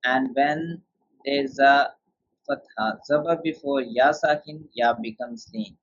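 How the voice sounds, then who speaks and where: A man's voice: mid-range voice, measured pace, slight background noise. A man teaching beginner Quran tajweed, explaining rules step by step and quizzing his student with questions. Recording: dull lo-fi sound.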